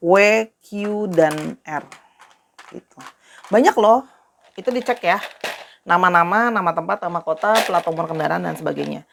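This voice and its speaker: A woman's voice: fairly low pitch, moderate pace, gravelly, long pauses, a bit bright, a little hiss or hum. A woman doing a casual tarot reading, talking straight to her viewers in a friendly, repetitive way. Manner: friendly, talks directly to viewers, repeats herself. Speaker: tarot reader.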